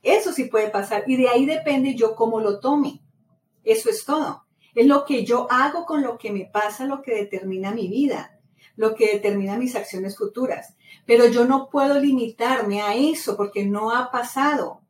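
A woman's voice: a little high, normal speed. A middle-aged woman, a podcast host from Latin America, talks casually and with lots of feeling, repeats herself often and keeps telling stories. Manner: animated storytelling, many repetitions. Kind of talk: casual motivational monologue. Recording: roomy echo, mic set far off, faint ambient noise.

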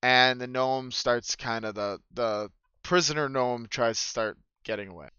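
Male game master recapping a session casually, rambling and profane, with a clear, smooth voice and slightly muffled sound. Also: medium pitch, a little slow, pushed and bright, dry recording. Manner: rambling, swears freely, fillers. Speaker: dungeon master. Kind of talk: casual storytelling chat.

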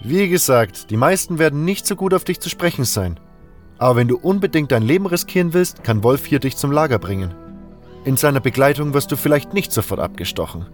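A man's voice: mid-range voice, lively intonation, brisk, soft background music, pitched above the performer's own voice, lightly acted. A man voicing a blunt male outlaw who gives curt, grim warnings.

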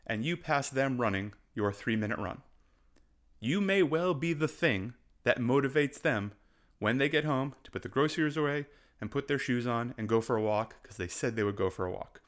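A man's voice: medium pitch, fairly bright tone. A man who works as a fitness coach, giving an impassioned motivational talk and repeating points for emphasis. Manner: passionate, emphatic, repeats for stress; moves about while talking.

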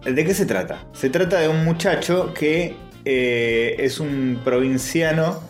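Podcast co-host: Argentine man in his thirties, loose and jokey, mid-pitch voice, roomy echo, faint music. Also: slow. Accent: Argentine Rioplatense. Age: 30s. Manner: loose, joking, enthusiastic recommending. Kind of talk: casual chat.

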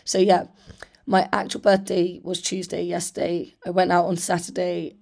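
A British woman in her thirties hosts a casual solo podcast in a slightly low voice. She sounds hoarse and rusty, as if her voice has partly gone. Her delivery is chatty and candid. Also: completely flat delivery, normal speed, a little mellow. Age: 30s. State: hoarse after losing voice. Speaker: podcast host.

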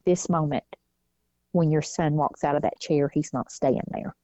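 A woman's voice: deep voice, steady tone, moderate pace, mellow, dry recording. A woman, a mother telling her family's story in a casual interview and acting out the voices of people she quotes. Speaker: guest, mother. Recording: dull lo-fi sound.

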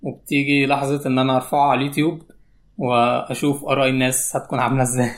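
A man's voice: medium pitch, level tone, very fast. An Egyptian man speaking in natural, unscripted casual talk as an interview guest, explaining things step by step. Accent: Egyptian Arabic. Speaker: interview guest, YouTube animator.

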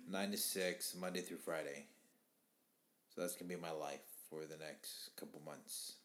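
A man's voice: low-pitched, huge pitch swings, unhurried, dark tone. A young man chatting casually with his wife for their vlog, laid-back and hesitant, with lots of fillers. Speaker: husband in a couple's vlog. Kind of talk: casual chat.

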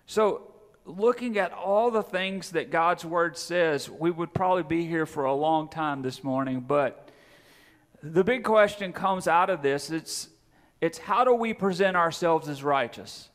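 A pastor preaches a sermon to his congregation in a church hall, posing questions and repeating phrases for emphasis. His male voice is on the high side, expressive, a little slow and fairly bright. A long hall reverb colors the recording.

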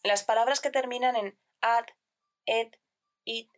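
A woman with a fairly high voice teaches Spanish grammar from a script. Her calm delivery is clear and measured, and she runs through a list of examples.

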